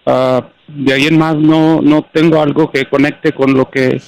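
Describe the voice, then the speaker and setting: Gravelly man calling in, halting. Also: fairly high pitch, level tone, a little mellow, low-quality recording. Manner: halting and searching for words. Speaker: caller. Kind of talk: hesitant phone-in talk about his anxiety.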